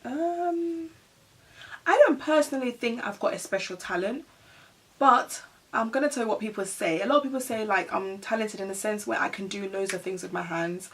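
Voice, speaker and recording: A Ghanaian woman vlogs a casual get-to-know-me chat, rambling along with plenty of "like" and "you know." Her mid-range voice has a fairly bright tone and sounds a bit distant from the mic.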